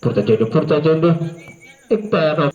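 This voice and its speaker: A man giving live cricket commentary at an outdoor ground at night, heard through an outdoor loudspeaker. He talks in rhymes and wordplay and keeps coming back to the same stock affirmation. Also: on the high side, animated, moderate pace, muffled recording. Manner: rhyming and wordplay-heavy, keeps repeating one stock affirmation. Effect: broadcast over an outdoor loudspeaker. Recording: echoey outdoor loudspeaker with a loud crowd.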